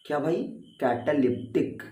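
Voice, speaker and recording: A man runs a vocabulary lesson at an unhurried, deliberate pace, with a fairly high voice for a man. He stretches out each word for the class to repeat. The room is echoey, and he sits some way off the mic. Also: warm tone. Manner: slow, drawn-out pronunciation drills, spelling words letter by letter; addresses viewers as sir and bhai. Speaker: English vocabulary teacher. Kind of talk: Hindi vocabulary lesson with repeat-after-me drills. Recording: roomy echo, voice from a distance.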